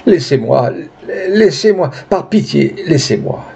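A man's voice: mid-range voice, expressive, measured pace, mellow, breathy edge, muffled recording. A man reading the lines of a tormented, jealous husband in a storybook, his voice trembling and anguished.

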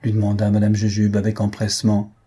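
A man narrating an audiobook in a measured, unhurried way. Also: fairly low pitch, completely flat delivery, warm tone, breathy edge. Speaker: audiobook reader.

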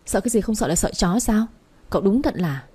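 Woman voicing a boastful young man, teasing, playful, mellow, husky, slight bluster, storybook reading. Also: high-pitched, animated, fairly quick. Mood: joking. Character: cocky, joking young man.

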